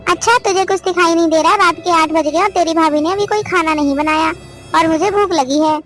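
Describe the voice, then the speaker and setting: Brief: female VO for a stingy, harsh cartoon mother-in-law, commanding scolds, very high voice. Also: fairly quick, a bit bright, faint music behind. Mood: scolding. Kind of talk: cartoon family drama voice acting.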